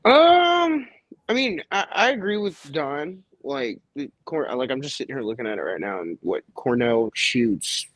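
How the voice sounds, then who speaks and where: A man's voice: mid-range voice, animated, moderate pace, few pauses, a bit bright, no echo. A man giving sports betting picks in casual chat, swearing freely and poking fun at himself. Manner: profane, self-mocking banter. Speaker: co-host.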